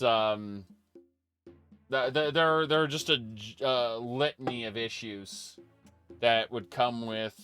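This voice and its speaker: A let's-play host offers casual, rambling commentary over a role-playing game, full of fillers and restarts, laughing at his own jokes. His voice is medium-pitched, bright and smooth, with a forceful tone.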